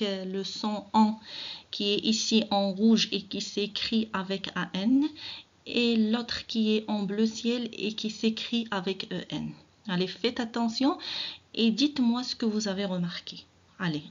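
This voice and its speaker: Woman, primary teacher, slow syllable-by-syllable reading, encouraging tone, dull lo-fi sound. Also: medium pitch. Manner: encouraging, addresses children directly. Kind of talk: early reading lesson.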